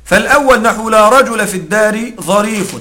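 A male grammar teacher with a high, bright voice delivers a methodical lecture. He walks through each rule patiently, stops often to check that his students follow, and slows right down to read quoted text. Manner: explanatory, checks in with listeners often; reads the quoted text slowly and deliberately.

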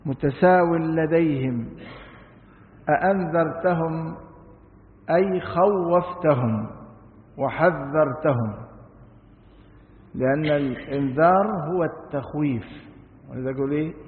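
Man teaching in an echoey hall. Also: a little high. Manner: explains slowly, asks the class rhetorical questions; chants verses melodically. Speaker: Quran commentary teacher. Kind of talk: religious lesson. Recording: echoey hall on a tinny, phone-like line.

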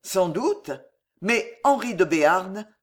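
An impulsive, fragile young king as a woman reader puts him on, speaking low with lively, swinging intonation. He bursts into eager exclamations like an excited boy. Read as an audiobook character. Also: slow pace. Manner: exclaiming, boyish enthusiasm.

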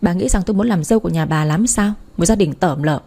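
Woman voicing a spiteful young woman, accusing, hysterical, mellow, breathy. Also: fairly low pitch, quick pace. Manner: screaming accusations, bitter.

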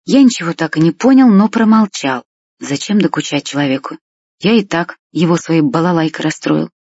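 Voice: medium pitch, lively intonation, normal speed, darkish tone, husky, no echo. A reader narrating a first-person story in a plain, wry, confiding way. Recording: dull lo-fi dry recording.

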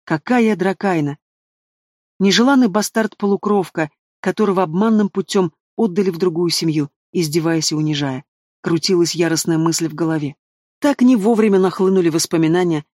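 A male narrator reading a fantasy novel aloud in the first person, expressive and engaged with the heroine's thoughts. His voice sits high for a man and the sound is dry and close to the mic. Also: no room sound. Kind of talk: audiobook narration.

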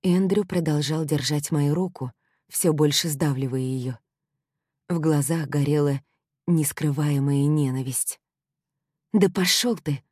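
A woman narrates a first-person audiobook in an even, storytelling delivery. Her voice is low and mellow. It sits close and dry, with no room around it. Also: measured pace, dry recording.

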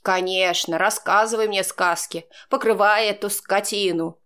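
A woman's voice: medium pitch, fairly even intonation, measured pace, a bit bright, clear, resonant tone, lightly acted. A woman voicing a worried, scolding middle-aged godmother aunt in an audiobook, demanding and exasperated. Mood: scornful. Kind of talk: audiobook character reading.

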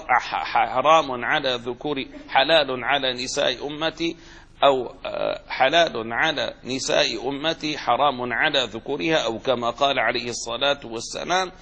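A man giving a classical religious lesson, reading passages from a book and explaining them with frequent fillers and restarts. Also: medium pitch. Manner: reads quoted text louder, then explains with fillers and restarts. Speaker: sheikh teaching a hadith commentary.

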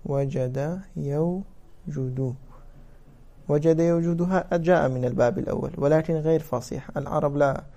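A man lecturing on grammar with a somewhat high voice. He explains step by step and stops often to ask whether the class follows. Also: dark tone. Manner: explains step by step, checks understanding with questions. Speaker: teacher of Arabic morphology.

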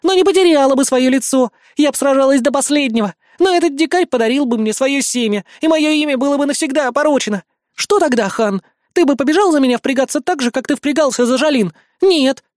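A man voicing a proud, hysterical female warrior goddess who shouts in indignation, in an audiobook. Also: very high-pitched, fairly quick, no echo, clean studio sound, pitched above the performer's own voice. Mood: furious. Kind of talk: audiobook character voice.

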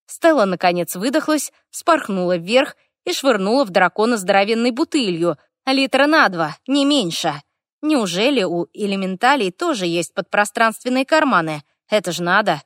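A woman reading a first-person fantasy story aloud with a wry, lively manner. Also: medium pitch, normal speed, no room sound, clean studio sound. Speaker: audiobook narrator.

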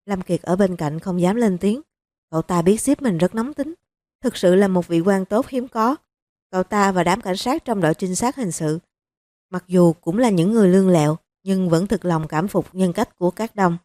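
A woman reading a novel aloud with steady, even pacing. Her tone is warm and mellow. The recording is close and dry, with no room echo. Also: on the low side, normal speed. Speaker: audiobook narrator. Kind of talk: scripted novel narration.

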